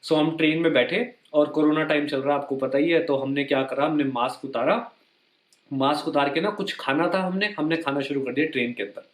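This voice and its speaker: A man's voice: on the high side, a little fast, roomy sound. A young Indian man telling personal stories in a casual, conversational way, slipping English words into his speech and acting out the lines of the people in them. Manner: conversational, mixes in English words, acts out quoted dialogue. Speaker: vlogger. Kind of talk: personal storytelling to camera.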